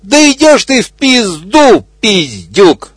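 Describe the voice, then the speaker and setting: A man's voice: on the high side, sing-song, unhurried, no echo, studio quality, pitched above the performer's own voice. A man voicing a crude, pushy male hippo who curses and squeals insults in a raised voice.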